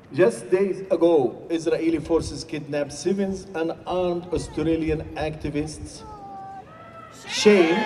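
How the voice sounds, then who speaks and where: A man from Gaza, giving an impassioned protest speech at an outdoor rally, sometimes rising to shouts. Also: on the high side. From Gaza, Palestine. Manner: forceful, rising to shouts at times. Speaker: rally speaker. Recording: distant reverberant rally recording with faint noise.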